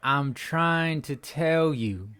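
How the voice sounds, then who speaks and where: This is a post-game rant recorded at home by a young man who hosts a sports fan channel. His higher-leaning voice is bright, smooth and forceful, with lively intonation, and he talks extremely slowly. It cracks now and then as he repeats himself and rambles in frustration.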